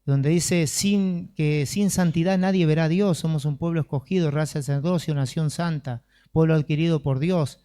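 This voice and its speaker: Male preacher, earnest conversational delivery, fairly high and mellow. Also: steady tone, moderate pace, few pauses. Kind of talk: sermon and closing prayer.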